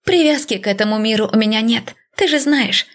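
A woman's voice: on the high side, a little fast, lightly acted. A woman voicing a young queen who pleads urgently and with determination. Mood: resolute.

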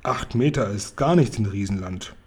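A man's voice: lowish voice, animated, normal speed, breathy edge. A man doing Guri, a kind word-mangling giant. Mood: earnest. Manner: mangles words, folksy and good-natured. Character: kind big friendly male giant. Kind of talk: bedtime story reading.

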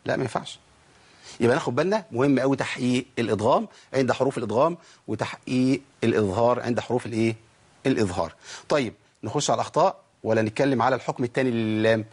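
A man's voice: medium pitch, very fast, husky. A man with an Egyptian Arabic accent giving a spoken lesson on Quran recitation rules, asking questions and then answering them himself.

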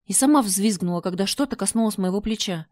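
Woman reading a story in first person, expressive, mid pitch, dry close sound. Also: fast talker, dry recording. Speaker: narrator. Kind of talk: first-person audiobook narration.

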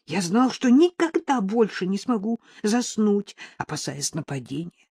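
A woman reading an audiobook aloud, narrating in the first person as a dog, with expressive, dramatic storytelling. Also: mid-range voice, measured pace, slightly rough, no room sound, studio quality. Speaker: audiobook reader.

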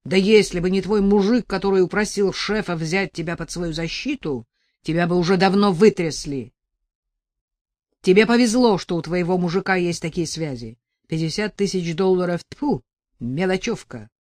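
A woman's voice: fairly low pitch, moderate pace, a little mellow, dry recording, clean studio sound, natural voice. A woman reading an audiobook and voicing a crude, threatening male gangster who speaks bluntly in slang. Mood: menacing.

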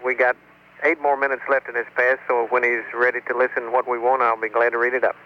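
Flat-toned ground controller on space radio. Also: male voice, mid-range voice. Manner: steady, procedural, with many pauses. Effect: space radio link. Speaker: mission control communicator. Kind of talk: air-to-ground radio exchange. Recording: muffled radio with faint hiss.

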